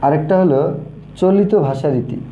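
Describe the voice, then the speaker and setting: Echoey, slow-repeating male teacher. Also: on the high side, dark tone, highs cut off. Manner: slow and repetitive, says key terms twice. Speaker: grammar teacher. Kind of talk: online grammar lesson, writing on a board. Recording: echoey room with faint noise.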